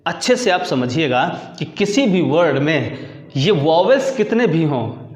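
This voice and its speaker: A man's voice: on the high side, very animated, measured pace. A man teaching an English grammar lesson, repeating key words and putting questions to his students. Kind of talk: classroom lecture in Hindi. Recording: echoey room.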